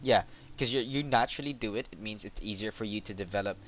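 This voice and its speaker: A man hosting a casual chat about developing a game, talking in a monotone with lots of halting fillers. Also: lowish voice, slight background noise.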